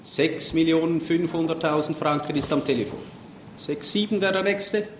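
A man's voice: on the high side, normal speed. A man working as an auctioneer, calling and repeating bids formally in a live sale. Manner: formal, repetitive auctioneer's chant of figures. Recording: echoey auction room, faint background noise.

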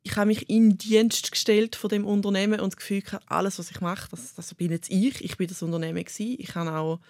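A young woman with a Swiss German accent, speaking candidly as an interview guest with halting restarts. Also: medium pitch, steady tone, a little mellow, dry recording, studio quality. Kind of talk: personal interview talk.

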